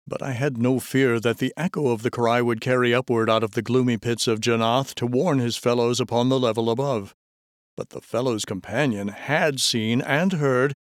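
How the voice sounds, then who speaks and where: A man narrating audiobook excerpts in a measured, even storytelling manner. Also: medium pitch, dry recording, studio quality.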